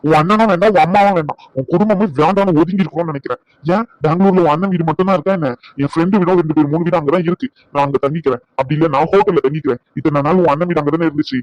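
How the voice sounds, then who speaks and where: A man's voice: a little high, steady tone, rapid-fire, hardly any pauses, darkish tone, no echo, natural voice. An actor playing a short-tempered husband who scolds his wife with bitter sarcasm, in a dull lo-fi recording. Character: angry proud husband, adult man, short-tempered. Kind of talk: Tamil family drama acting.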